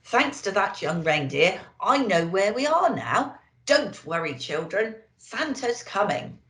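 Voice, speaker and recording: Woman acting jolly old Santa, hearty exclamations, reassuring, swooping pitch, storybook character, echoey room. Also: very animated, measured pace, a bit bright.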